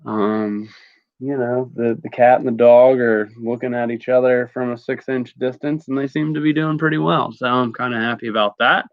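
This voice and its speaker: A man's voice: medium pitch, fairly even intonation, normal speed, no echo, muffled recording. A man hosting a casual live stream chat, easygoing and joking, with lots of fillers.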